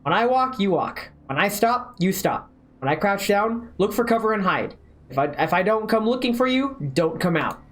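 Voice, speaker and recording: An earnest, determined anime hero played by a woman speaks as a protective game commander. The delivery is resolute, with an animated, medium-pitched voice. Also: normal speed, lightly acted.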